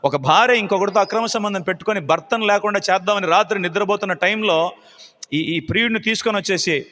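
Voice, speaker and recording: Pastor guy preaching live, high bright voice, lots of rhetorical questions, big echoey hall. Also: quick pace. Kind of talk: live Telugu sermon. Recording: live hall with long reverb.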